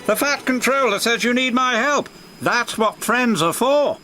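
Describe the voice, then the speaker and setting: A man's voice: very high-pitched, expressive, unhurried, pushed and bright, voice pushed up, heavily acted. A man voicing a cheerful, confident male helicopter with a somewhat proper manner. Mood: breezy. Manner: breezy, proper. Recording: music behind the voice. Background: music.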